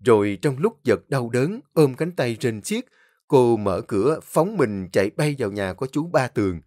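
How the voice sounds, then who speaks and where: A man's voice: medium pitch, very animated, moderate pace, darkish tone, no room sound, studio quality. A man narrating a dramatic story vividly.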